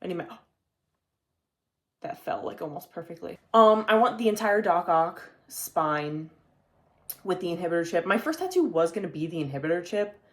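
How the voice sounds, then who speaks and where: A man's voice: high voice, lively intonation, moderate pace. A young man hosting his own video podcast, chatting casually to a camera in a rambling way and swearing now and then. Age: young adult. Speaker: podcast host. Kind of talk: casual solo video chat. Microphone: talking to a camera.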